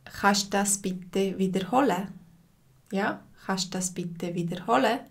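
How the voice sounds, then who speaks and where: Leading a live language lesson online, the woman with a Swiss German accent uses a mid-range voice. She enunciates slowly and clearly and repeats phrases for the benefit of her students.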